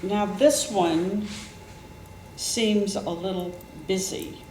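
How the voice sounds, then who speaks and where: A woman hosting a chat show, musing and admiring in a relaxed, unhurried way. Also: mid-range voice. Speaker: talk show host. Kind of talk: casual chat. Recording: echoey room with faint noise.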